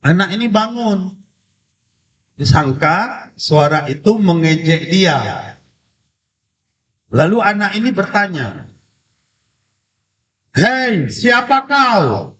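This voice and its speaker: A male preacher with a cold giving a religious lecture with a story, speaking slowly and deliberately, heard through a distant, echoey, dull PA sound. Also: sits high, expressive. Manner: slow, deliberate delivery. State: has a cold. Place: community religious event.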